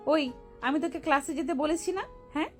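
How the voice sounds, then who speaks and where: A woman's voice: high voice, lively intonation, normal speed, soft background music. A woman voicing a hot-tempered, domineering young female gang leader in an audio drama, speaking in a curt, commanding tone. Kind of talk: Bengali audio love-story drama.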